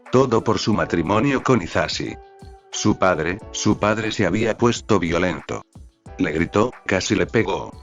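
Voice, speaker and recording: Low voiced guy reading fanfic out loud, kinda muffled audio, quiet music. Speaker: narrator. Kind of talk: fan fiction reading. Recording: slightly dull audio with faint background music.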